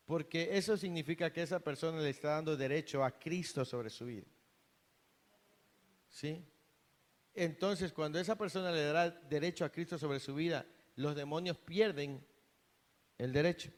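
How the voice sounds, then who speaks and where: A man's voice: a little high, moderate pace, long pauses. A man preaching a sermon in a church hall, earnest, often repeating and restarting words. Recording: long reverb of a hall.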